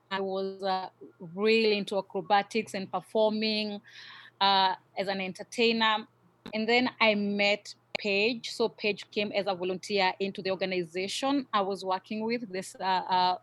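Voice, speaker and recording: A woman in her thirties with a Kenyan accent chats as a podcast guest. She talks in a relaxed way, pausing often to find her words. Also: mid-range voice, poor audio. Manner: relaxed, many "uh" pauses. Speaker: podcast guest, yoga teacher trainer. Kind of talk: casual interview chat.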